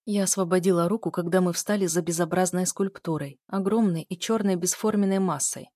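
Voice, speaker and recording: A woman narrating a novel in the first person, in a calm, even reading voice on a close mic. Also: fairly low pitch, brisk, dry recording. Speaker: audiobook narrator.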